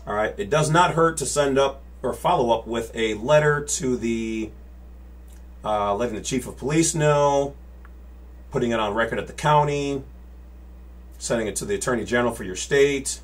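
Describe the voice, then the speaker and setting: A forties-aged channel host speaks to the webcam on his desk in a home office lined with bookshelves and monitors. His voice sits at a medium pitch and moves at a moderate pace as he gives a casual explainer, gesturing with his hands and tacking "all right?" or "okay?" onto his points.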